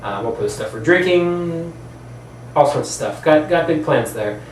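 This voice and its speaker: A man with a fairly high voice and lively intonation speaks a little slowly, chatting casually as host of a video channel about films and games. His talk is rambling and informal, sometimes trailing off. The mic is distant, with roomy echo and faint noise.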